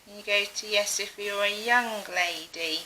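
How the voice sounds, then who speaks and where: Female séance participant, high and extremely sharp voice, questioning spirits, faint hiss. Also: normal speed, poor audio. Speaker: ghost hunt participant.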